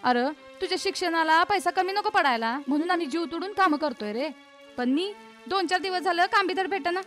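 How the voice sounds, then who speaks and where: Worried village mother, high voice, nagging, soft music behind. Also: expressive, brisk. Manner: fretful, nagging. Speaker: mother of a schoolboy.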